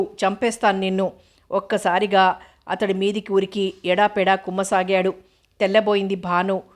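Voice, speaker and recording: A woman reading an audiobook novel as narrator, in a measured, even manner. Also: mid-range voice.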